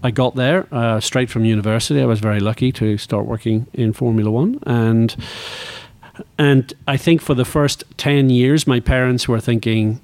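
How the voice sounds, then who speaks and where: Here the Northern Irish executive from motor racing, aged sixty, talks at a normal pace in a mid-range, slightly mellow voice. He's a guest in a conversational interview, reflective and keen, with no room sound behind him.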